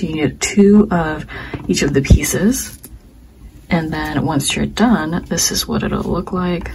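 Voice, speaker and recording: Young woman, crochet tutorial, gravelly low voice, a bit hoarse, calm, faint hiss behind. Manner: calm, talks while working, counts stitches aloud. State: slightly hoarse. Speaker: crochet instructor. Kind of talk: step-by-step craft tutorial.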